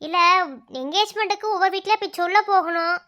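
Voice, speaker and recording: A woman's voice: very high voice, steady tone, fast, fairly bright tone. A woman voicing a stern, impatient middle-aged uncle in a cartoon, scolding and hurrying others along. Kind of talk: cartoon voice acting.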